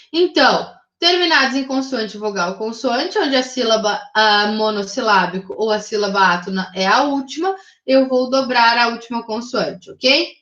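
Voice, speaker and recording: A woman's voice: high-pitched, fairly bright tone. A woman with a Brazilian Portuguese accent explaining English grammar to her class in a patient, methodical way, often checking in with short tag questions. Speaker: English teacher. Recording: roomy, slightly dull recording.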